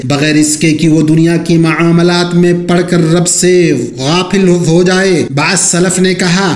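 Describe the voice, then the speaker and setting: A man with a high voice reads a translated Friday sermon in a formal, measured way. The sound is roomy, with a clear echo around him. He gives each line a steady preaching delivery. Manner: formal, measured religious reading.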